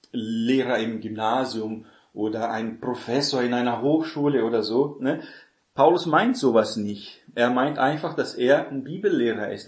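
A man's voice: medium pitch, a little mellow. Echoey preacher man, chatty Bible teaching. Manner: explanatory, frequent "ne?" tag questions, many restarts. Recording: echoey room.

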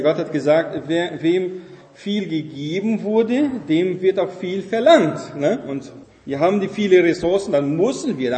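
Mellow-voiced man teaching Bible class, echoey hall. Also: on the high side. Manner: explanatory, keeps asking listeners "ne?" and "versteht ihr?".

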